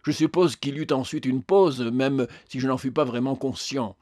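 Man narrating a storybook in a measured way. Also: mid-range voice, a little mellow, no echo, clean studio sound. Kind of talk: audiobook narration.

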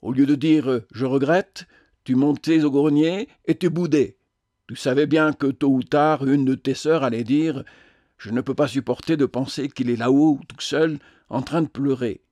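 A man voicing a gentle, loving woman who pleads tenderly and earnestly. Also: medium pitch, moderate pace, no room sound, lightly acted.

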